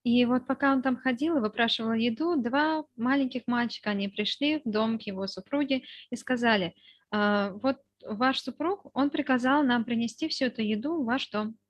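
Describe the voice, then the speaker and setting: A woman giving a live spoken translation, interpreting a talk phrase by phrase over a video call, in measured short chunks with hesitation fillers. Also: on the high side, dry recording, highs cut off. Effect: live spoken translation, voiced over the speaker's talk. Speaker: consecutive interpreter into Russian. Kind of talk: consecutive interpretation.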